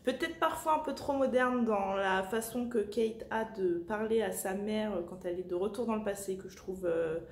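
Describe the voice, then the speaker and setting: A woman book vlogger, talking casually at home with many filler pauses. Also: medium pitch. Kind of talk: casual vlog chat. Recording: echoey room.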